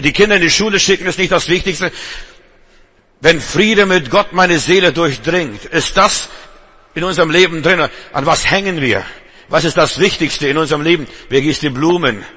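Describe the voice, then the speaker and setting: A man preaching an evening sermon to a congregation, emphatic and repeating key phrases, slowing down for refrains and dropping in humorous asides. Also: on the high side, bright, forceful tone, slightly rough.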